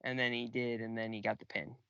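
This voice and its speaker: Guy rambling about wrestling on a podcast, dry close sound, kinda gravelly. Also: mid-range voice, little pitch movement, fast, a bit bright, no echo, highs cut off. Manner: rambling, filler-heavy. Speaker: podcast co-host. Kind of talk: casual chat about wrestling.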